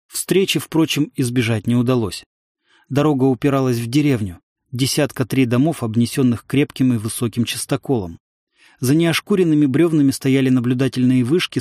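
A male narrator reads a story in an even, measured way, his voice sitting at a middle pitch. The recording is close and dry, with no room sound. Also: no echo. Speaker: audiobook narrator. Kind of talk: scripted narration.

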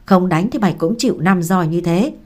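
A woman voices a strict, quick-tempered elderly matriarch in an audiobook. She issues orders and scolds in a lowish, commanding tone. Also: animated, darkish tone. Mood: stern.

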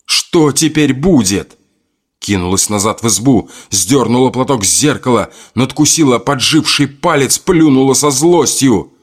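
A man narrating a horror folk tale in a grim, measured storytelling manner. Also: medium pitch.

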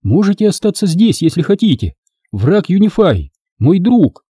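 A male narrator voices a determined, wary young woman in a storybook reading, pushing his voice above its natural pitch into a full character voice. She comes across earnest and pressing, raised and high-pitched, with a dark, husky grain and big pitch swings at normal speed. The reading sounds dry and close, with no room sound.

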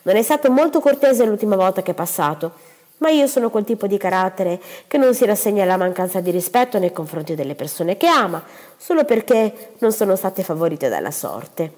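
A vain, self-pitying mother, as a woman reads her, affected and plaintive. The pitch rises and falls animatedly. A long reverb hangs on the voice. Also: very animated, brisk, a little mellow.

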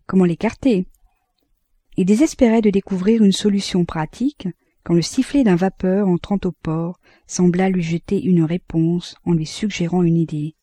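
Woman reading an old novel aloud, mellow and steady, dry close sound. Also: fairly low pitch, no room sound. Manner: calm, measured and even. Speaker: audiobook reader. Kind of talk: literary audiobook narration.

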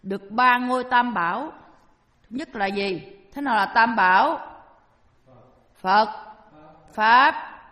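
Lady giving a dharma talk, fairly high voice, lots of long hall echo. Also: fairly bright tone. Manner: keeps asking the audience questions and answering them herself; homely, repetitive preaching with everyday examples.

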